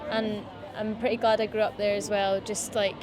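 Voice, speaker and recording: A Scottish Highlands musician in her twenties chats about her music during an interview outdoors by a city riverbank, relaxed and rambling with plenty of fillers. Her voice sits mid-range at a moderate pace, and crowd noise carries in the background.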